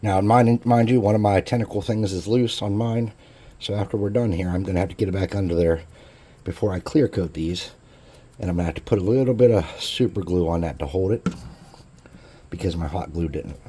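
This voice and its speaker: A man's voice: low voice, a little fast, dark tone, husky. A man hosting a casual hobby crafting tutorial, chatting in a laid-back, jokey way as he works. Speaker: crafting channel host.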